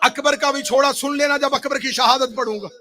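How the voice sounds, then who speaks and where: A man's voice: very high-pitched, steady tone, pushed and bright. A male religious scholar giving an impassioned, dramatic sermon recitation to a mourning assembly.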